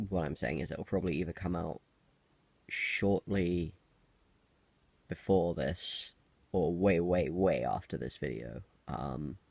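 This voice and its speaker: Low, creaky young man with a cold. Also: dry recording. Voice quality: slightly harsh from a cold. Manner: hesitant, self-interrupting. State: has a cold. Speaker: video diarist. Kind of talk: casual rambling personal update.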